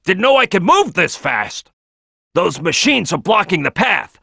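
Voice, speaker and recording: A loud, bright cartoon crocodile boss. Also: male voice, high voice, sing-song, a little slow, vocal fry, husky, no echo, studio quality, heavily acted. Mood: watchful, bossy. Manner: boisterous, cocky, streetwise, barking. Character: gruff, brash, bossy male crocodile detective boss. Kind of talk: animated video game character acting.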